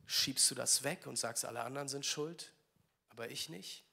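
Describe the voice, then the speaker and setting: A man delivers a sermon in a church livestream. His mid-pitched voice is earnest and encouraging, and he speaks directly to the people listening. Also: normal speed, creaky, sharp tone, slightly rough. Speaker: preacher.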